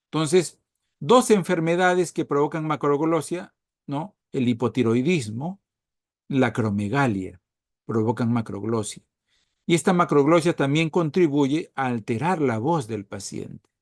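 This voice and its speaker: A man's voice: fairly high pitch, expressive, unhurried, no echo, studio quality. A man giving a recorded medical lecture, checking on his listeners with frequent tag questions and stressing key words.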